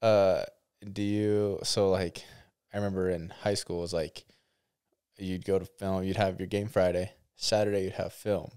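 A young man hosting a podcast, easygoing and chatty, asking quick follow-up questions and sharing his own stories. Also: low voice, level tone, dark tone, smooth. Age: young adult. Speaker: podcast host. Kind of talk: casual chat.

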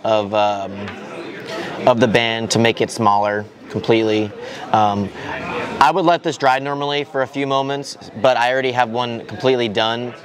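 A young RC racer demonstrates tire preparation at a table-filled indoor hall, his hands-on explanation loose, step by step, and cluttered with fillers and false starts. He speaks at a normal pace in a steady, medium-pitched voice, heard over the hall's crowd noise.

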